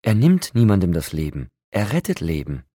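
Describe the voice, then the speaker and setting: A man reading an audiobook, voicing a frail young woman who answers quietly and stubbornly. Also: deep voice, wildly swooping pitch, moderate pace, breathy edge, no echo, studio quality, full character voice.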